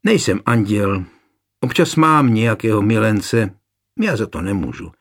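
A man with a husky voice reading the lines of a spoiled noblewoman pleading with her husband in an audiobook. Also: mid-range voice. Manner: pleading, emotional. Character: spoiled noblewoman, wife, pleading then defiant.

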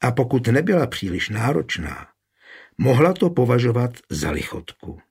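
A man narrating an audiobook in an even, lowered voice. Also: vocal fry, breathy edge.

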